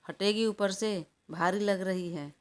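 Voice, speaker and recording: A woman's voice: fairly low pitch, steady tone, unhurried, clear, resonant tone, natural voice. A woman voicing a tired, irritated young man who pleads to be left alone, in a storybook reading. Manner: weary, pleading.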